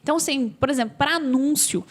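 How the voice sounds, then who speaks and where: A Brazilian woman in her thirties, a podcast guest who tells her stories in an animated way and laughs often. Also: sits high, fast. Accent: Brazilian Portuguese. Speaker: podcast guest, labor lawyer. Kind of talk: casual podcast chat.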